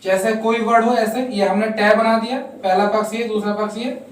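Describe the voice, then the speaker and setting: A man's voice: sits high, steady tone, moderate pace. A man teaching a shorthand lesson step by step, counting out strokes and answering his own questions. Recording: very echoey room, voice far from mic.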